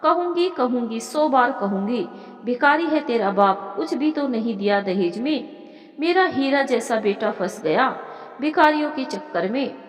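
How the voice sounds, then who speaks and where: Woman voicing a loud, taunting older mother-in-law, high and swooping, for a storybook; echoey room. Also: animated, measured pace, faint music behind. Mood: shrill scolding. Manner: shrieking taunts, then wailing to God. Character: shrill scolding older mother-in-law, spiteful and self-pitying. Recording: echoey room with long reverb.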